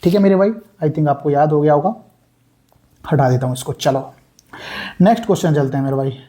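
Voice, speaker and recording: A young man runs a casual exam-prep lesson built on memory tricks. He talks in a chatty, repetitive way and keeps calling his viewers brother. His voice sits a little high with a mellow tone. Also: a little fast. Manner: chatty, repeats words, addresses viewers as brother. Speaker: exam coaching teacher.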